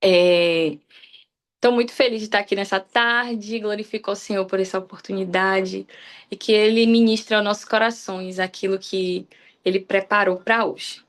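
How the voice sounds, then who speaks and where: A woman's voice: medium pitch, fairly even intonation, moderate pace. Candid woman preaching. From Salvador, Bahia, Brazil. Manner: candid, personal, often trails off and restarts sentences. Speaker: guest preacher on a church livestream. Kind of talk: informal devotional talk.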